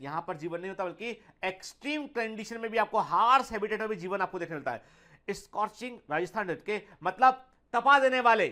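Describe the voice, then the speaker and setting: In an online exam-prep session, a man with a high voice and a bright, forceful tone teaches biology. He blends Hindi with English and reads English lines slowly aloud. "Beta" is how he addresses his students, and "theek hai" comes up often.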